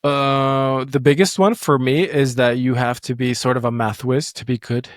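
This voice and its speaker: Even-toned man from Bulgaria. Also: mid-range voice, moderate pace, no room sound, studio quality. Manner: steady, even-toned, reassuring advice. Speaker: guest. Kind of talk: casual interview talk.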